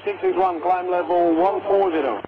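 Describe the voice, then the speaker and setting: A male air traffic controller giving brisk procedural instructions over aviation radio. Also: high-pitched, fairly even intonation, narrow, tinny audio.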